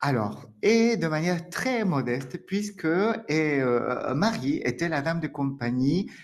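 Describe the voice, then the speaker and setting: French guy teaching online, slow and relaxed, lots of "d'accord?", chuckles often. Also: on the high side. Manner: friendly, laughs often, many "d'accord?" and "alors". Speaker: French teacher hosting a webinar. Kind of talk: live online lesson, chatty with viewers.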